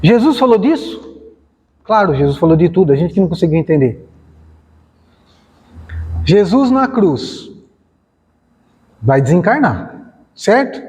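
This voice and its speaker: A man's voice: high voice, sing-song, measured pace, long pauses, darkish tone. A man giving a lecture at a spiritist center, talking conversationally, acting out dialogues and asking rhetorical questions. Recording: long hall reverb.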